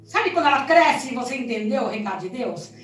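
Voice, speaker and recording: A woman giving an emotional testimony in a church, telling her story in an animated way with frequent tag questions. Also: on the high side, brisk. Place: church sanctuary. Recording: echoey church hall, distant mic, soft music.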